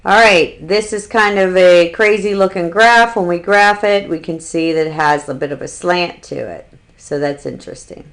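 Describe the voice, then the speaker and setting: A woman's voice: lowish voice, moderate pace. A woman math instructor giving a recorded calculus lecture, explaining step by step with an occasional dry sarcastic aside.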